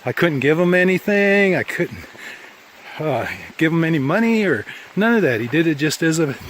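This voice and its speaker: A tired man filming a handheld trail vlog on a mountain path talks in a fairly high, fairly bright voice, animated and at normal speed. He rambles plainly in a casual spoken diary after a long hike, with faint hiss in the background.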